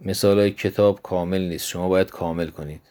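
Deep-voiced man teaching grammar slowly. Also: steady tone, dark tone. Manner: slow, measured, repeats forms one by one. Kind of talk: Arabic grammar lesson, recited drills.

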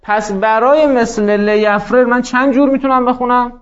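A man teaching a grammar lesson, acting out little dialogues with the letters and slowing down to spell out word forms and dictate rules. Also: very high voice, fairly even intonation, highs cut off. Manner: acts out dialogues with the letters, voicing them in quotes.

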